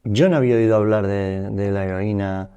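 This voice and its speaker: A man in his fifties from Spain tells his own story to an interviewer in a low, mellow voice. He speaks haltingly and keeps restarting his sentences. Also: steady tone, clear, resonant tone, dull audio. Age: 50s. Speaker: guest.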